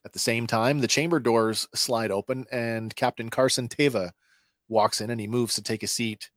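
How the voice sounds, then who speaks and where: A man co-hosting a podcast, reading a scripted episode recap with lively stresses and then chatting casually. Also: mid-range voice, moderate pace, no echo, studio quality. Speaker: podcast co-host.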